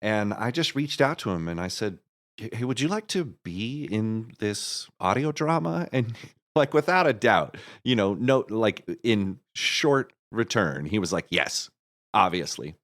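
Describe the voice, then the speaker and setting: As the writer and director of an audio musical, this interview guest explains his project in a loose, meandering way, thinking out loud and repeatedly starting sentences over. His voice sits on the low side, fairly bright and expressive, and he takes his time.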